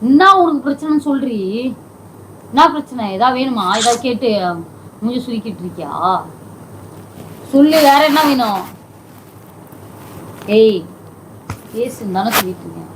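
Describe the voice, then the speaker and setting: A woman's voice: fairly high pitch, expressive, normal speed, pauses often, background noise. A woman who keeps pleading and scolding in a comedy sketch at home. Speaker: comedy video creator.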